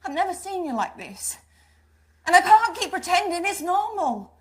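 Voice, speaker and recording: An actress playing an exhausted mother who scolds her husband forcefully. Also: very high-pitched, very animated, moderate pace. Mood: angry. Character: exhausted, fierce British mother and wife.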